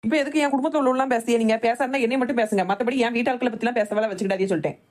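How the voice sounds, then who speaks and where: A woman's voice: on the high side, natural voice. A woman playing a defiant young daughter-in-law. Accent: Thoothukudi Tamil. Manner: quick, retorting back-talk. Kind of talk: cartoon voice acting.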